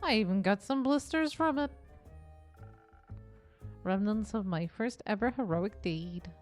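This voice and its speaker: A woman's voice: medium pitch, expressive, unhurried, soft background music, close to an everyday voice. Woman doing a nerdy, eager young hero. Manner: earnest, wide-eyed and formal.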